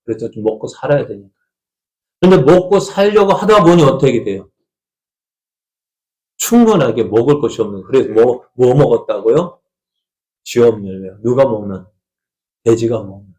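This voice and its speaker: A male pastor delivering a sermon at a middle pitch. He tells the story in a folksy manner and keeps putting rhetorical questions to the congregation. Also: lively intonation, normal speed, long pauses, warm tone.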